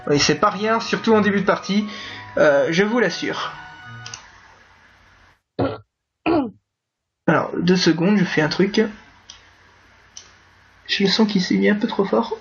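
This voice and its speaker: A player hosting a video game playthrough, commenting casually in a relaxed, halting way with many fillers and asides. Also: mid-range voice. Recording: dull lo-fi with faint game music.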